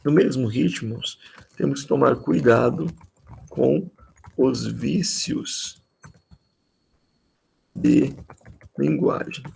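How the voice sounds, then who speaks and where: A man's voice: mid-range voice, drawn-out words, gravelly, pauses often, darkish tone, slightly rough, poor audio. A man, a pastor giving casual, conversational teaching on preaching and repeating key phrases for emphasis. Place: live-streamed church talk.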